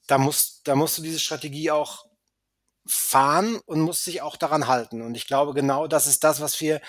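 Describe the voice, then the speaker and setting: A man's voice: a little high, no echo. A man in casual football chat, opinionated and hesitant, full of fillers and restarts. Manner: opinionated, argues his view.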